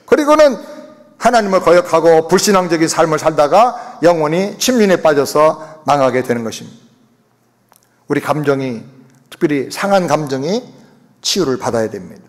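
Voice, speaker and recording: A man's voice: a little high, very animated, normal speed. A man preaching a sermon as senior pastor, speaking emphatically to his congregation in a church sanctuary. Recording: long reverb of a church hall.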